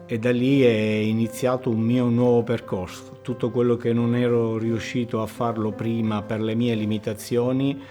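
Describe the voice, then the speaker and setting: A man's voice: medium pitch, flat delivery, normal speed, few pauses, dark tone. A man speaking steadily and matter-of-factly in a documentary interview. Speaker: interviewee, sport climber. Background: background music.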